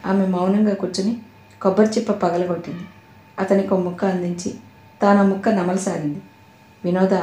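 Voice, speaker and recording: A woman calmly reading the narration of an audio novel. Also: mid-range voice. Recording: roomy echo.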